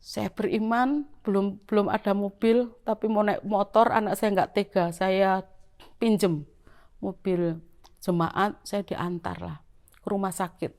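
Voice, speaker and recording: A middle-aged church member with a Javanese-influenced Indonesian accent shares her testimony with the congregation. Her mid-range voice moves a little slowly as she tells the story in a lively way.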